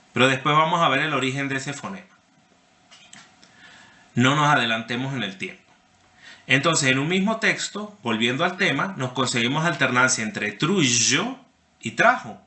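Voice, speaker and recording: Recorded in an echoey room, this man's medium-pitched voice has a sharp tone. He lectures a university class online, working through ideas step by step, calling on students by name, and regularly asking "¿sí?" to confirm they understand.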